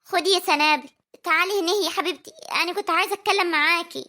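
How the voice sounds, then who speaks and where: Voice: very high voice, racing, pushed and bright, heavily acted. A performer voicing a worried village mother with an Egyptian accent, scolding and then coaxing her young daughters. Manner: scolding yet tender, coaxing. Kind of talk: homemade family drama voice acting.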